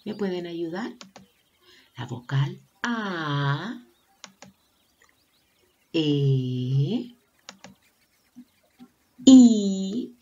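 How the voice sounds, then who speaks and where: A woman teacher gently leading a slow vowel lesson for preschool children, asking them questions and praising them. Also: low-pitched, slightly rough, highs cut off. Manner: affectionate, encouraging, asks children questions. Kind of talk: slow, sing-song lesson for young children.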